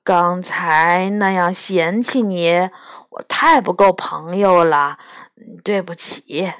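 A woman's voice: on the low side, takes it slowly, clear, resonant tone, no room sound, clean studio sound, voice pushed down. A woman reading a storybook aloud, voicing a fussy, squeamish schoolboy. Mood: sheepish.

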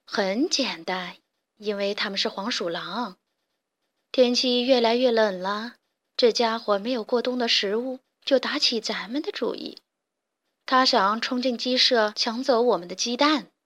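A woman voicing a wise mother hen who explains things slowly and soothingly, in a children's storybook reading. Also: on the high side, fairly bright tone. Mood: calm.

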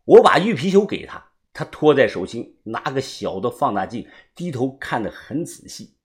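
A man narrating a story in an animated, dramatic way. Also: mid-range voice, normal speed.

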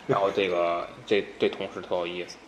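A man's voice: sits low, level tone, brisk, roomy sound, slight background noise. A man telling a workplace story in a casual podcast chat, laughing often and trailing off into mumbles. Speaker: podcast co-host.

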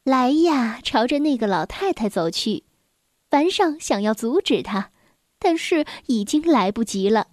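A woman reading a children's storybook aloud in a gentle, unhurried storytelling manner. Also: fairly high pitch, animated, no room sound, clean studio sound.

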